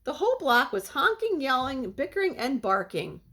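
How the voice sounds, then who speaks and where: Higher-pitched woman reading a storybook aloud. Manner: deliberate, expressive, slows for refrains. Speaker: teacher reading a picture book aloud. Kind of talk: storybook read-aloud for young children.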